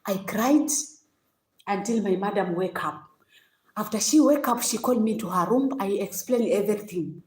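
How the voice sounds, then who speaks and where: A woman telling her own story on a casual livestream, halting and repeating words as she goes, with frequent laughs. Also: medium pitch, darkish tone. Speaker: vlogger. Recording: echoey room.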